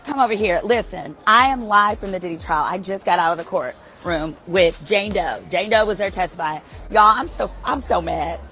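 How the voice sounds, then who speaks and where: A woman's voice: lowish voice, normal speed, hardly any pauses, a bit bright, soft background music. A woman giving live vlog commentary outside a courtroom, emphatic and indignant, swearing freely. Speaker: trial commentator.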